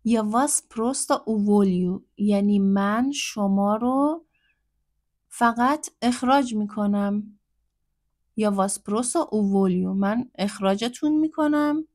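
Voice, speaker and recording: A woman's voice: medium pitch, darkish tone, no room sound, studio quality. Patient woman teaching a language. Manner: patient, explanatory, repeats phrases slowly. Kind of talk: language lesson explanation.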